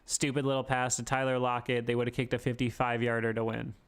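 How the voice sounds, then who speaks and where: A man co-hosting a casual sports talk stream, ranting with animated energy and swearing freely. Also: medium pitch, fast, clean tone. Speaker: podcast co-host.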